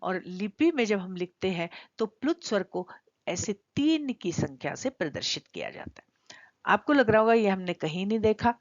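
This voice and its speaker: Woman teacher, middle-aged, explaining step by step, lively rising and falling voice, dry slightly dull recording. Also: medium pitch, moderate pace, no echo. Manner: explains step by step, drawing out vowels to demonstrate. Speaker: Sanskrit teacher. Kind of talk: video grammar lesson.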